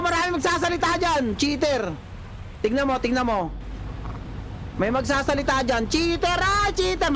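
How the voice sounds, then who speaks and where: Loud music nearly drowns out this high-voiced livestreamer, adding to the background noise. He keeps hurling the same mocking, teasing jabs at his chat.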